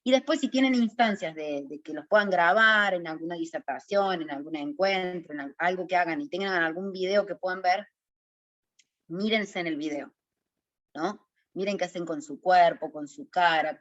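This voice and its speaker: A woman in her forties with a Córdoba accent from Argentina, giving an online webinar lesson on public speaking in a direct, lively way, often checking in with her listeners. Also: on the low side, no echo. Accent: Córdoba Argentine Spanish. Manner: lively, direct, addresses audience informally with questions. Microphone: video call. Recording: dull, dry webinar audio.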